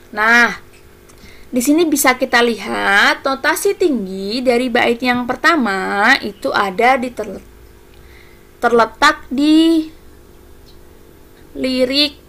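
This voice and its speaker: Bright-voiced woman teaching children. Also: fairly high pitch. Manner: patient, explaining step by step to children. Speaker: primary school teacher. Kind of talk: online music lesson for children.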